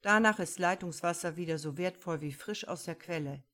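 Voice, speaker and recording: A woman voicing an earnest, esoteric man who lectures calmly about healing water. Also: fairly low pitch, normal speed, close to an everyday voice.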